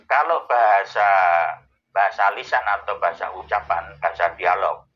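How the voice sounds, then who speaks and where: A man, explaining answers to a host's questions in a thoughtful way, pausing often to find his words. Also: lowish voice, highs cut off. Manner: thoughtful, with many pauses and fillers. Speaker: Islamic scholar answering questions. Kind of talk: explanatory Q&A talk.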